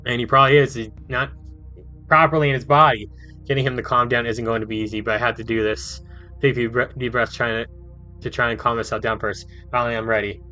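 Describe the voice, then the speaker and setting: A man reading a visual novel aloud as a gaming YouTuber, with casual, quick reactions and asides. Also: mid-range voice, flat delivery, bright, forceful tone, soft background music.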